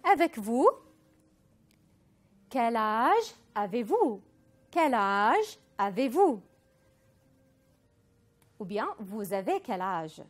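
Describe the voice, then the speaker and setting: Slow, lively woman teaching French. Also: fairly high pitch. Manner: slow, deliberate model phrases for repetition, mixing in Arabic. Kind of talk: recorded language lesson.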